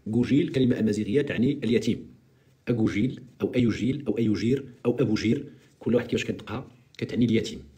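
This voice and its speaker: A Moroccan-accented man rattles off political commentary at breakneck speed on a live stream. His pitch leaps and dips all over the place as he mocks and teases. The delivery is sarcastic and animated.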